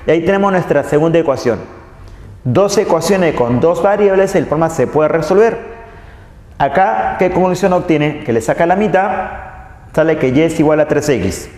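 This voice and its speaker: A man's voice: on the high side, normal speed, a little mellow. A man teaching a math lesson, patiently repeating key phrases and asking students questions. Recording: echoey room with long reverb.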